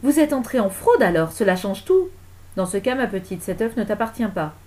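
A woman's voice: medium pitch, a little fast, a little mellow, lightly acted. A woman doing a haughty commanding charity lady. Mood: imperious. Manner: commanding, imperious. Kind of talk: storybook reading.

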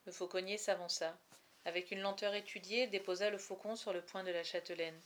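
A woman reading a novel aloud chapter by chapter, with expressive, dramatic storytelling. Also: medium pitch, fairly quick, slight background noise. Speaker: reader.

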